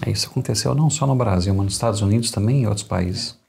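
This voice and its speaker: A man's voice: on the low side, rapid-fire, gravelly, darkish tone, breathy edge. A man hosting an interview, a lawyer explaining things in a reflective way. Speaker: host, lawyer. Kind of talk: interview conversation.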